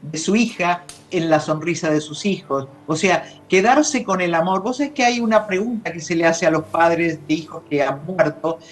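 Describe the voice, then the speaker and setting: A woman with an Argentine accent speaking as a grief specialist in an interview, measured and reflective, pausing to find her words. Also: lowish voice, lively intonation, low-quality recording. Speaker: grief specialist guest on a talk show. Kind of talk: explanatory interview talk.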